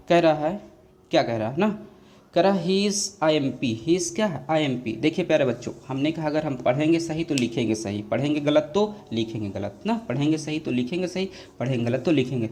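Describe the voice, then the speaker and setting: A man's voice: a little high, darkish tone, slight background noise. A man teaching English grammar to students in a classroom lecture. He keeps asking his own questions and answering them, repeats each point, and calls the students dear children. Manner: repetitive call-and-response drilling, addresses students as dear children.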